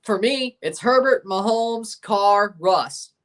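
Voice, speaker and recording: This young livestream host speaks slowly in a high, fairly bright voice while running a sports watchalong. He reads chat out loud, shares strong opinions and reads out the team lineups.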